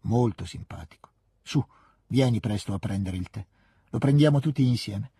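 A man voicing an excitable, earnest fifteen-year-old girl in an audiobook reading, with lively, insistent outbursts. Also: on the low side, normal speed, slightly rough, no room sound.

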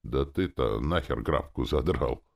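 A man's voice: very deep voice, lively intonation, a little slow, creaky, a little mellow, voice pushed down, full character voice. A man voicing a brusque male army captain who gives orders in short, curt phrases. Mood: gruff. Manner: curt, commanding.

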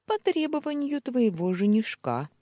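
A chatty, conspiratorial young woman friend, expecting a baby, who keeps dropping into a confiding hush, as a woman narrator puts her on. Her voice sounds husky and mellow, with a lively lilt, and it is recorded close and dry, like a studio audiobook. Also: on the high side, unhurried, dry recording, pitched above the performer's own voice. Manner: conspiratorial, often whispering. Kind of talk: audiobook character voice.

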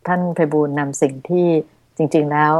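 Middle-aged lady hosting buddhist radio talk, low soft voice, dry studio sound. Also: steady tone, a little fast, no echo. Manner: polite, gentle, deferential to the monk. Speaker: radio host.

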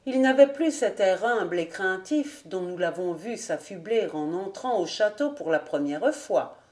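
A woman narrating a classic novel as an audiobook reader, measured and deliberate. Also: mid-range voice, lively intonation, a little mellow. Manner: slow, measured reading. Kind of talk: scripted narration.

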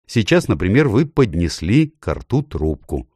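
A man's voice: fairly low pitch, sing-song, unhurried, darkish tone, slightly rough, no room sound, clean studio sound, full character voice. A man voicing a kind, earnest young girl who is also a queen, speaking in a pleading, raised tone.

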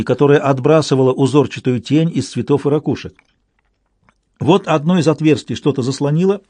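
A man reading a story aloud in measured, scripted narration. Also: medium pitch, warm tone, husky, dry recording. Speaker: audiobook reader.

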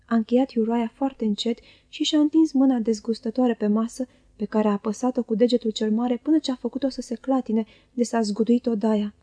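A woman narrating a classic novel in the first person, with measured, expressive delivery. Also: on the high side, dry recording. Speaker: audiobook reader. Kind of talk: literary audiobook narration.

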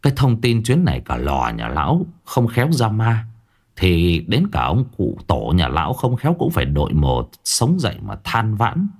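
A man narrating a ghost story with a dramatic, expressive telling. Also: on the low side, moderate pace, slightly rough.

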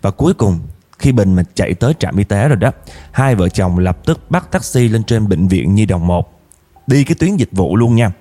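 Expressive male storyteller, warm dark tone. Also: on the low side, moderate pace. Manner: addresses listeners directly, emotional retelling. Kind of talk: dramatic first-person story narration.

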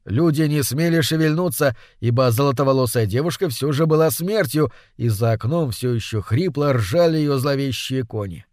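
A man narrating a story aloud in a calm, measured storytelling way. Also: mid-range voice, no echo, clean studio sound.

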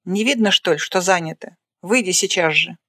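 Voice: medium pitch, normal speed, pushed and bright, no room sound, clean studio sound. A reader voicing a stern, bossy female nurse who barks orders in a commanding voice while reading a screenplay aloud.

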